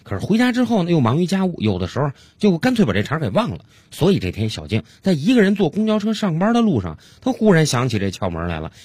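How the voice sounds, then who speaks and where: Husky, quick male radio humor host. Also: on the high side, no room sound. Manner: lively, chatty. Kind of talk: storytelling jokes on radio.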